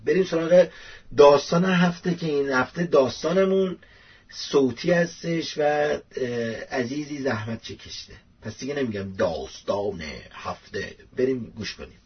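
A man hosts his own YouTube commentary show, chatting casually and rambling with plenty of fillers. His mid-range voice is husky, and the audio is dull and lo-fi.

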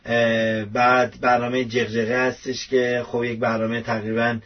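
A man's voice: mid-range voice, level tone. A man hosting his own commentary show, talking casually and rambling with many fillers. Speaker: youtube show host. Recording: dull lo-fi audio.

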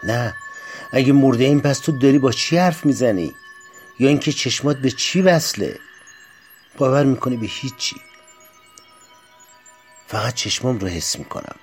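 A man's voice: medium pitch, expressive, pauses often, a little mellow, soft background music, lightly acted. A man voicing a young woman in a storybook reading who answers stubbornly and matter-of-factly.

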